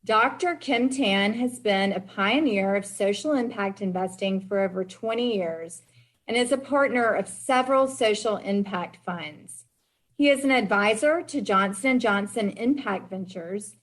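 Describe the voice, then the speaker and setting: A woman with a Tennessee accent speaks as a podcast host. Her voice sits at a medium pitch as she delivers prepared introductions and interview questions. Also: measured pace, poor audio. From Tennessee, United States.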